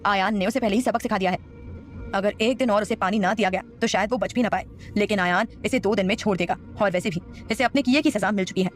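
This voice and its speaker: A woman voicing a calm, level-headed young man who reasons with his friend in an audio drama. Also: medium pitch, quick pace, faint music behind, lightly acted.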